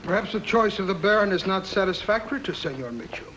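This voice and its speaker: An actor playing a smug, scheming foreign diplomat in a 1950s radio drama. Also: male voice, sits high, lively intonation, fast, fairly bright tone, slight background noise, low-quality recording. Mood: accusing. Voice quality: smug, mocking.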